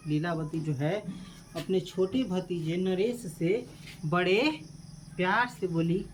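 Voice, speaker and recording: A woman's voice: fairly low pitch, takes it slowly, slight background noise. A woman teacher, explaining a school text to a class. She repeats each line and quizzes the students, switching into local dialect.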